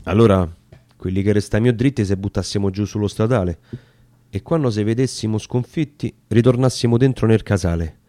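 Reading dramatic verse for radio, a Roman-accented man gives an emphatic, theatrical recitation of a story in dialect. He speaks briskly in a mellow, lowish voice, with no echo.

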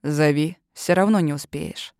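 A woman's voice: mid-range voice, a little slow, breathy edge, no room sound. Woman doing a creepy snake-man kidnapper, hissy sinister whispers, dry close sound, storybook villain. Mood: menacing. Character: menacing male kidnapper, a serpent monster in disguise.

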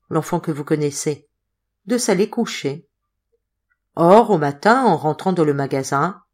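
A woman narrating an audiobook in a steady, expressive reading voice. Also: on the low side. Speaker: audiobook reader.

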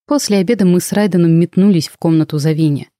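A woman reading a first-person audiobook aloud, lively and voicing every character herself. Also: fairly low pitch, quick pace, dry recording, clean studio sound. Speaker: audiobook narrator.

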